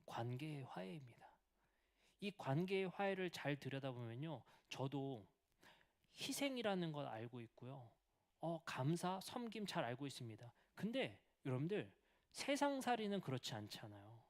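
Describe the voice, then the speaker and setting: A man's voice: fairly high pitch, very animated, normal speed. A man preaching a sermon as senior pastor, asking rhetorical questions, telling stories with acted dialogue and sometimes dropping to a whisper for emphasis.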